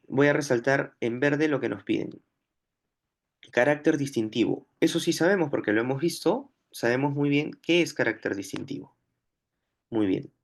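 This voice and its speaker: A man teaching a lesson, reading out exam questions and then reasoning through each option aloud. His voice sits at an ordinary middle pitch, and he speaks in a patient, explanatory way, often asking questions and answering them himself. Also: vocal fry. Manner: explanatory, thinks aloud while solving. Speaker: language teacher.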